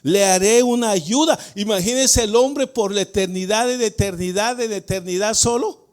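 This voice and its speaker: A man preaching as pastor of a church, putting questions to the congregation and swinging between quiet explanation and shouted emphasis. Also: sits high, moderate pace. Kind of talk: Spanish-language sermon. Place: church sanctuary.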